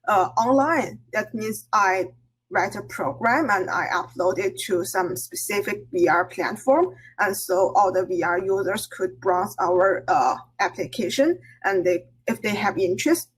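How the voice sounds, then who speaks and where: A woman's medium-pitched, slightly husky and rough voice comes through a poor-quality recording as she presents her research at an academic conference. She explains haltingly, often hesitating, restarting and correcting herself.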